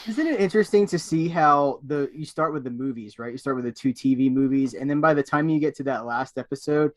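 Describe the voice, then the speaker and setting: Male guest on a chat podcast, casual and animated, acts out quotes mid-sentence. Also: mid-range voice, a little fast.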